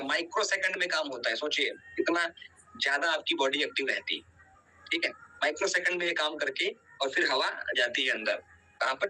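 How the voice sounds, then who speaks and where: Bright-voiced man teaching biology online. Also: a little high, low-quality recording. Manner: explains step by step, often checks with "ठीक है"; quizzes students and urges revision.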